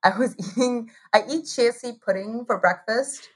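Speaking at normal speed, this woman has a slightly high, somewhat rough voice. In her thirties and from Taiwan, she co-founded a hot sauce business and chats through her story as an interview guest, laughing frequently and leaning on "like" as filler.

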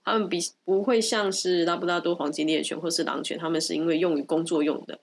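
A woman's voice: on the low side, fairly even intonation, quick pace, creaky, slight background noise. A woman with a Taiwanese accent and a stuffy, nasal voice, explaining things in casual podcast chat with firm opinions and repetition for emphasis. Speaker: podcast co-host explaining dog topics.

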